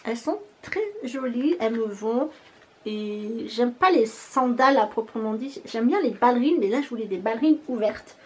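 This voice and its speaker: A woman's voice: a little high, expressive, moderate pace, a little mellow. A woman chatting casually in a beauty haul vlog, rambling with hesitant fillers and laughing at herself. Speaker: beauty vlogger.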